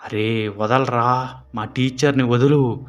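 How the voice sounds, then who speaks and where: A man voicing the angry ghost of a young boy, shouting slowly and drawn out. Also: medium pitch, steady tone, clean tone, lo-fi sound, close to an everyday voice.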